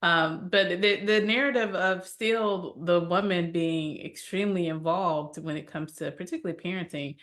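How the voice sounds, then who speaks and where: A young woman co-hosting a relaxed discussion show. Her voice sits a little low for a woman, and she moves between considered points and playful, laughing teasing of her partner. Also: moderate pace, few pauses. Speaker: podcast co-host. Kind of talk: casual discussion.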